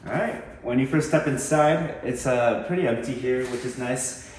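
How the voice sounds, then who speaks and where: A man giving a casual, low-key walk-through house tour as a real estate agent, tentative and mildly approving. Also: moderate pace. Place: inside a mostly empty house, walking through. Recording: echoey empty rooms, distant mic, background noise.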